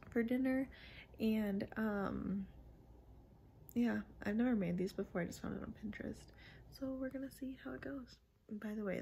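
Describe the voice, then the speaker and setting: A woman's voice: medium pitch, gravelly, warm tone, slight background noise. A young woman chatting casually in a home baking vlog, upbeat and rambling with lots of asides, recorded on a phone camera at home. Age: young adult. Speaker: vlogger. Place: living room couch, then home kitchen.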